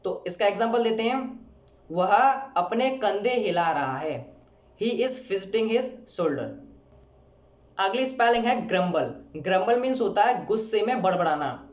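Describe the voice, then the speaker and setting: Man teaching vocabulary in a roomy, dull recording. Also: high-pitched. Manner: repeats each English example slowly and deliberately. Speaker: English teacher. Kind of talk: vocabulary lesson.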